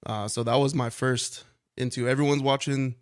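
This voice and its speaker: A man appearing as a guest on a podcast, talking in a relaxed, easygoing way. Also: mid-range voice, moderate pace, clean tone, dry recording, studio quality. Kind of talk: casual podcast chat.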